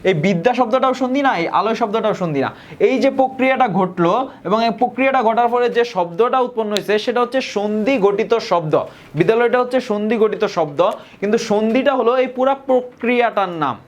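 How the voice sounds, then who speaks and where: A young man from Bangladesh, teaching a grammar lesson and often repeating key points and slowing down on example words. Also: sits high. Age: young adult. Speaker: tutor.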